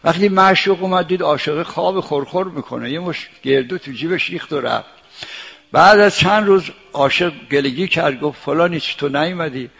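A man's voice: fairly high pitch, creaky, a bit bright, husky. An older man, a cleric giving a folksy sermon with homely examples and chanted verse, on a dull lo-fi recording with faint music.

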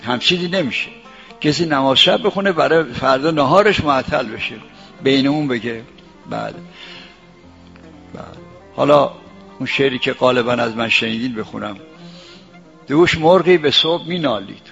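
Gravelly older cleric preaching folksy sermon. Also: male voice, mid-range voice, pauses often, fairly bright tone. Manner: homely examples, chanted verse. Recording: dull lo-fi with faint music.

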